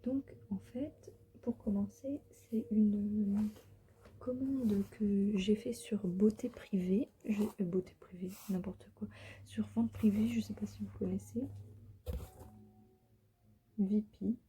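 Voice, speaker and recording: A tired woman whispering softly through a casual beauty unboxing vlog from the floor of her bedroom. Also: mid-range voice, steady tone, takes it slowly, slight background noise. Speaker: beauty vlogger.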